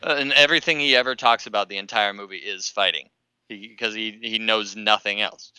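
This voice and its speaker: A man's voice: on the low side, brisk, bright, forceful tone, smooth, no room sound, rough recording. A man co-hosting a casual movie chat, joking and laughing often.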